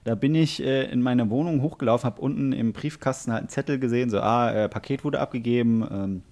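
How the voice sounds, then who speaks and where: A podcast co-host with a medium-pitched male voice tells a funny anecdote at a quick pace on a casual show, animatedly acting out his own reactions.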